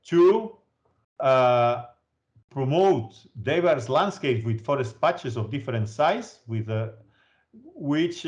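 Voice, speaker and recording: Halting man presenting at a webinar. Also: mid-range voice, highs cut off. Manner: halting, repeats words while explaining. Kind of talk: academic presentation and answers.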